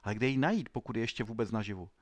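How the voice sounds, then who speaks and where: A man's voice: fairly low pitch, no echo, lightly acted. A man voicing a desperate, washed-up male footballer of about thirty, pleading in a raised, strained voice. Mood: anxious.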